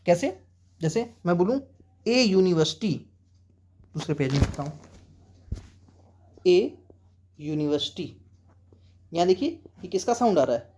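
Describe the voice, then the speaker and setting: Man, Indian accent, exam-prep English teacher, warm relaxed voice, reads examples slowly. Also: high-pitched. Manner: reads English sentences slowly, often checks "okay?".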